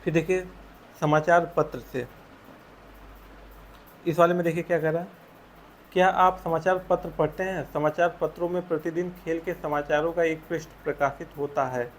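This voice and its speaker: A man's voice: on the high side, fairly even intonation, moderate pace, long pauses, a little hiss or hum. A man teaching a school textbook chapter, patiently explaining answers and asking leading questions to his students.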